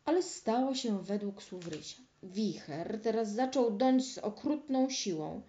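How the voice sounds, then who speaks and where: A woman reading a fairy tale aloud in slow, expressive storybook narration. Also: mid-range voice. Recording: roomy, dull lo-fi recording.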